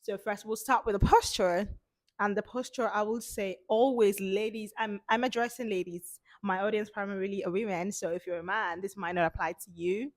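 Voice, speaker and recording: Coaching confidence in a casual instructional talk, a woman repeats her points with emphasis while a cold leaves her slightly hoarse. Her tone is steady and medium-pitched, her speed normal, with no room sound.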